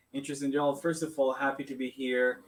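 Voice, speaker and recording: A man from Colombia, a massage therapist, calmly answering interview questions and explaining his work. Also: mid-range voice, normal speed.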